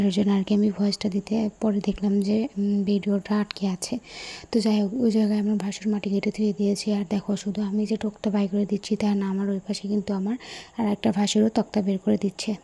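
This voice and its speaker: Hushed, breathy young woman vlogger. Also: medium pitch, monotone, fast. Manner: hushed, quiet talking. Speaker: lifestyle vlogger. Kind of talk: voice-over vlog narration. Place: quiet room at home at night. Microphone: phone.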